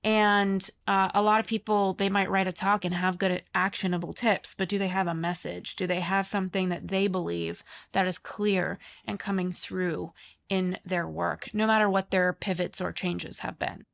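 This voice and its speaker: A woman's voice: fairly low pitch, little pitch movement, normal speed, creaky. A woman guest on an interview podcast, speaking about her coaching work in a chatty, conversational way with frequent fillers.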